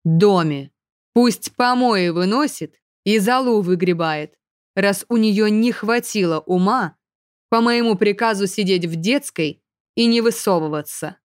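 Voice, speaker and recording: Lady reading as a cold bossy lord, slow and heavy, dry recording. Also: mid-range voice, dry recording, natural voice. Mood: commanding. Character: stern burly male nobleman, cold.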